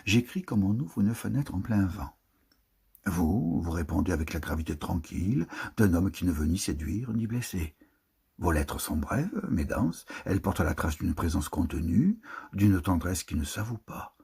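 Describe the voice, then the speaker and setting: A man reads literary prose in a slow, hushed, tender way, now and then sinking into a whisper. His voice sits very low, with a gravelly fry and a breathy, husky grain. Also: very animated. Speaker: reader. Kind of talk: intimate literary reading.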